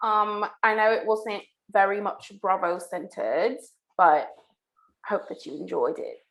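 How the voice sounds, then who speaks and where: A woman's voice: medium pitch, measured pace, a bit bright. A woman co-hosting a casual podcast who presents the news segment, talking thoughtfully and often saying "like". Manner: thoughtful, with frequent "like" fillers. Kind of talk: casual chat.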